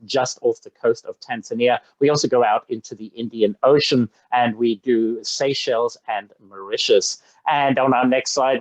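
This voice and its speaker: A man's voice: mid-range voice, no echo, low-quality recording. Enthusiastic man presenting safari slides. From Zambia. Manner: enthusiastic, effusive. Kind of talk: webinar presentation.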